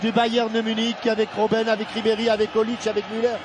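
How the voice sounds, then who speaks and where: A man's voice: high-pitched, completely flat delivery, fast. A man co-commentating live football with short exclaimed reactions, often repeating his phrases. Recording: loud stadium crowd noise behind. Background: roaring stadium crowd.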